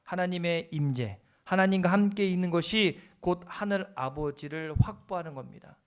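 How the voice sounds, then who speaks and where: A man's voice: high-pitched, normal speed, clear, resonant tone. A middle-aged male pastor preaching a sermon, telling a story and asking the congregation questions.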